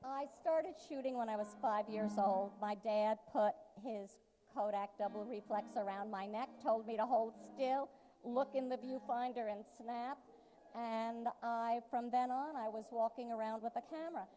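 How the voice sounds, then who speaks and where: A woman's voice: a little high, moderate pace, warm tone, rough recording. A woman photographer being interviewed, talking in a chatty, anecdotal, conversational way.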